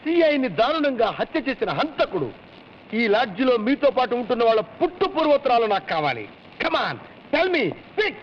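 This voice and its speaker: A blustering bumbling police inspector. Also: male voice, very high-pitched, very animated, moderate pace, a little hiss or hum. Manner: swaggering threats, tosses in English phrases. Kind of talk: film comedy acting. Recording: dull lo-fi film audio.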